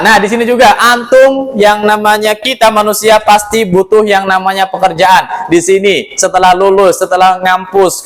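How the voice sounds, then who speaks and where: A man teaching a classroom lesson in a lively way. He keeps questioning his students and mixes in religious exclamations and light jokes. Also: high voice, rough recording.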